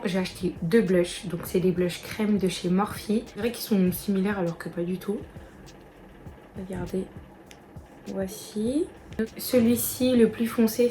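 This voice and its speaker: A woman's voice: mid-range voice, warm tone, slight background noise. A young woman walking viewers through a casual makeup tutorial, chatty and talking straight to them. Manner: chatty, addresses viewers directly. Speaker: beauty vlogger.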